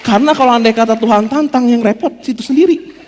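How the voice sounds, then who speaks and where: A man's voice: very high voice, fast talker, some chatter behind, slight background noise. A man preaching a casual, joking sermon as a pastor, acting out quotes as he goes. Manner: animated, jokey, acts out quotes. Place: church hall. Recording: long hall reverb.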